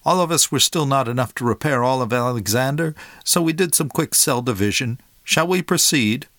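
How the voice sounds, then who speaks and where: A man's voice: medium pitch, animated, moderate pace, fairly bright tone, dry recording, studio quality, voice pushed up, natural voice. A man voicing a polite, loyal male AI made of nanites, speaking courteously and deferentially. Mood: urgent.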